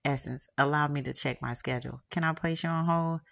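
Woman doing a smooth-talking repair guy, deep and gravelly, easy flirty politeness. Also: fairly even intonation, fairly quick. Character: confident male appliance repairman, smooth talker.

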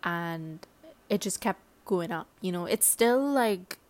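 A woman's voice: fairly low pitch, slow pace. Chatty, giggly woman podcaster. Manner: rambling and chatty, heavy with fillers; giggly and excitable. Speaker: podcast host. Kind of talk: casual solo podcast chat.

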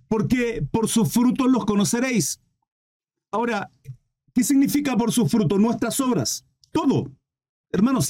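Male preacher, fairly high voice with a warm, dark tone, rhetorical sermon delivery. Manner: addresses listeners as brothers, asks rhetorical questions.

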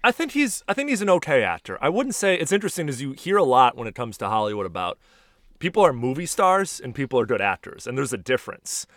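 A man in his thirties hosting a podcast, an animated storyteller who swears casually. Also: mid-range voice, quick pace, no echo, clean studio sound. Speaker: podcast host and stand-up comic. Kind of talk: casual chat.

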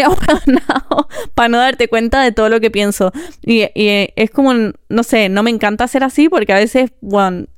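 A young woman with a Chilean Spanish accent, ranting casually in a vlog, swearing freely and talking in quick bursts broken by pauses. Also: mid-range voice, clear, resonant tone, no echo, studio quality. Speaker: vlogger.

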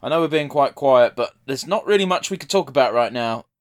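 A man's voice: mid-range voice, expressive, brisk. A man giving casual, blunt, sweary commentary as a podcast co-host. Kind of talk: casual watch-along commentary.

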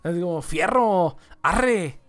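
A man's voice: sits high, animated, slow pace, fairly bright tone, soft background music. Man, podcast host, slangy and profane, casual joking banter. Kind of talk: casual chat.

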